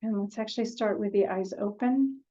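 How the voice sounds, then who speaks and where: Gentle and in no rush, a woman leads a guided meditation, letting long pauses fall between brief phrases. She has a mid-range voice, and the sound is lo-fi.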